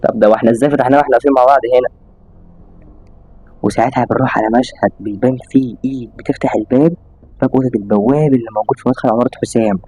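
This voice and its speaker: Fast-talking Egyptian man telling a story. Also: mid-range voice, dry recording. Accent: Egyptian Arabic. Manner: rapid, animated retelling with exclamations and restarts. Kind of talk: casual spoken storytelling to an audience. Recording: slightly dull audio with faint music.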